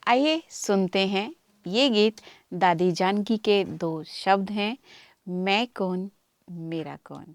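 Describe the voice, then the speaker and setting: A woman hosting a studio music show, speaking in a calm, measured way and laughing softly now and then. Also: medium pitch. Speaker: show host and anchor.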